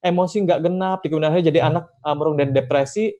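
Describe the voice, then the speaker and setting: A man's voice: a little high, fast talker, mellow, muffled recording. A man giving an educational talk to parents and teachers, emphatic, asking rhetorical questions and acting out short quotes. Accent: Indonesian.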